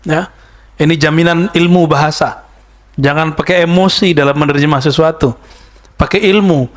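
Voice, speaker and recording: A man preaching in a relaxed, conversational sermon, his voice sitting a little high for a man. He throws in rhetorical questions and teasing asides, then slows down to chant scripture. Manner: chants Arabic verses slowly.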